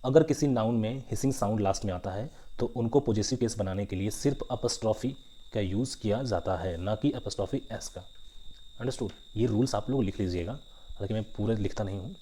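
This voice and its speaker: Male grammar tutor, low mellow voice, checks "understood?" constantly, crickets behind. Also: brisk. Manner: explains in Hindi mixed with English, keeps asking "understood?". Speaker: exam-prep English grammar teacher. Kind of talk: online grammar lesson. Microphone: writing with a pen tablet while teaching.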